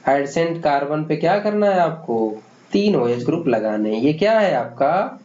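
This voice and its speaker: Brief: high-pitched male chemistry tutor quizzing himself, dull lo-fi track. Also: expressive, moderate pace, darkish tone. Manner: asks questions and answers them himself, calls students "beta". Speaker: chemistry teacher. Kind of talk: exam-prep lecture. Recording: echoey room, dull lo-fi sound.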